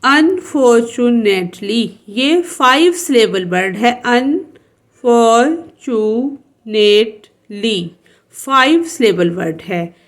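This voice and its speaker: Woman teacher, very slow unhurried delivery, textbook lesson, spells words out letter by letter. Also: fairly high pitch, lively intonation. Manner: reads English slowly, explains in Urdu, spells out letters.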